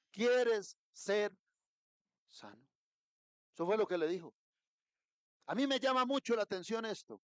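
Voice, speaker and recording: A middle-aged Colombian man preaching a sermon as pastor, rising to emphatic peaks and dropping to quiet asides. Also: sits high, no room sound. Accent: Colombian Spanish. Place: church.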